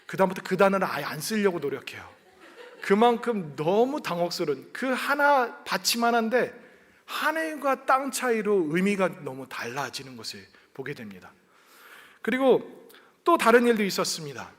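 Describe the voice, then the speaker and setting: A man's voice: high voice, big pitch swings, moderate pace, fairly bright tone, in a large hall. A male pastor giving a Sunday sermon in a conversational storytelling way, acting out little dialogues. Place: church sanctuary.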